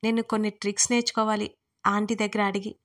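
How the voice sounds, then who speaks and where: A woman voicing a teasing, possessive young man in a storybook reading, firm and calm. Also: medium pitch, fast talker, close to an everyday voice.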